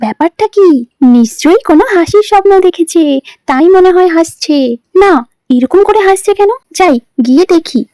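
A woman playing a flustered village housewife in a doll cartoon, exclaiming and scolding in a very high voice. The voice is recorded dry and close, with no room around it. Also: expressive, moderate pace, dark tone, dry recording. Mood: worried. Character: flustered village housewife, bossy with her brother-in-law.

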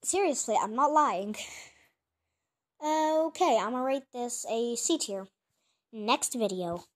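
A woman's voice: fairly high pitch, lively intonation, slow pace. A female creator chatting casually while reacting to her own old clips, chatty and self-mocking. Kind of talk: casual chat.

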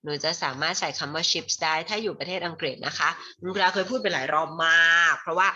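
A woman with a Thai accent teaching English to children in an online lesson, moving between Thai and slow, carefully spelled English and calling the viewers "child". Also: lowish voice, sharp tone, dull audio.

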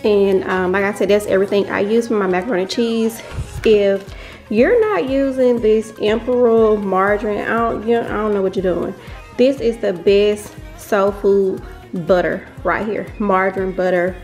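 Woman walking thru her recipe, chatty and excited, bit of music under it. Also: medium pitch, moderate pace. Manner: chatty, enthusiastic about ingredients. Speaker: cooking vlogger. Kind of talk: casual cooking walkthrough. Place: home kitchen.

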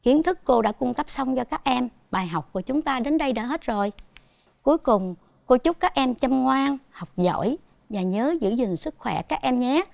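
Southern vietnamese lady teaching kids math on tv, kinda high voice, dry studio sound, patient. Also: animated, moderate pace, vocal fry, a little mellow, no echo. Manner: patient, addresses pupils directly with questions. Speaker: primary school teacher. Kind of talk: televised math lesson.

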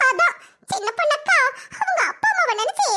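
A woman's voice: extremely high pitch, sing-song, a little fast, sharp tone, heavily acted. A woman voicing a young woman named Nandini who earnestly explains things in a cartoon comedy. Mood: worried.

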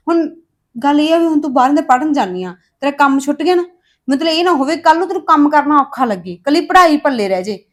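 An actress playing a stern sister-in-law who lectures a younger girl with sharp retorts. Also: sits high.

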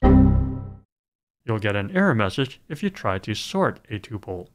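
Lively-pitched man narrating a coding lesson. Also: takes it slowly, faint music behind. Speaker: programming tutorial narrator. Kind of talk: scripted screencast narration.

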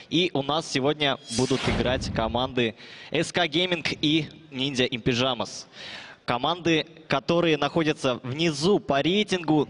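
A man's voice: medium pitch, a bit bright, a little hiss or hum. A young man on a headset giving pre-match esports analysis as a broadcast commentator. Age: young adult.

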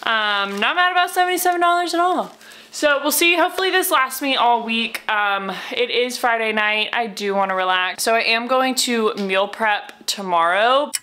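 A woman's voice: a little high, expressive, normal speed, pushed and bright. A young American woman in her twenties, chatting casually to the camera in her apartment with an upbeat manner and many fillers. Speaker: vlogger. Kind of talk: casual vlog talk to camera. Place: small apartment, indoors. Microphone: camera or phone mic at close range.

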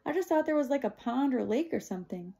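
A stubborn young country boy with a hot temper talks back in rough, ungrammatical speech, as a woman reads him aloud. His voice sits higher and louder than the reader's own, with a gravelly grain. It is a storybook voice. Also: expressive, fast talker. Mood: defiant. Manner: defiant, drawling bad grammar.

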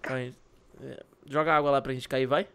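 A man hosting a Minecraft let's play, joking with a friend and yelling in panic. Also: medium pitch, little pitch movement, moderate pace, slight background noise. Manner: jokey, shouts in panic, teasing. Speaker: gaming channel host.

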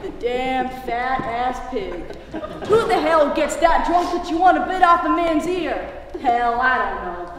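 A woman playing a rowdy, hot-tempered male deputy marshal in a live stage play, telling a crude tale in a slow drawl. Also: sits high, expressive, a bit bright, a faint crowd, a little hiss or hum. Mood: storytelling. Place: theater stage. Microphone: distant stage mic. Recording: echoey theater hall from far off.

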